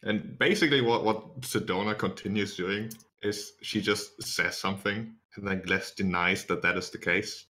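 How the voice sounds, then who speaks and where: A man narrating a tabletop role-playing game as game master, improvising in halting phrases. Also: fairly low pitch, steady tone, bright, forceful tone.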